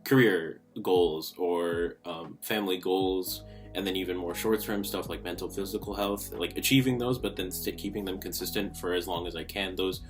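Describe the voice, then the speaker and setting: A man's voice: sits low, steady tone, normal speed. A nineteen-year-old man in a documentary interview, hesitant and searching for words. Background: guitar music.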